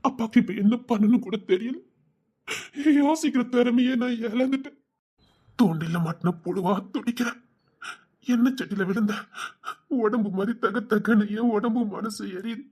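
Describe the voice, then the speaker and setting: A man's voice: extremely high pitch, moderate pace, a little mellow, husky. A man playing a grief-stricken father who cries and pleads with his daughter for forgiveness in a TV serial. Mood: anguished. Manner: sobbing, pleading, breaking into tearful laughs. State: crying. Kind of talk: TV serial acting.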